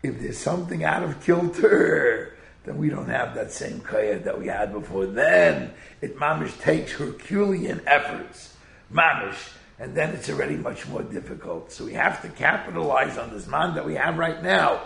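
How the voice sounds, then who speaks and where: A man with a Yiddish-inflected American accent gives an informal sermon as a rabbi, telling stories in an animated way and sprinkling in Hebrew and Yiddish words. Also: a little high, moderate pace, gravelly, roomy sound. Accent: Yiddish-inflected American English. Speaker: rabbi giving a Torah talk.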